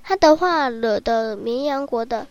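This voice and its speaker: Give me a woman with a high voice telling a children's story expressively. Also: expressive, a little slow, darkish tone, highs cut off.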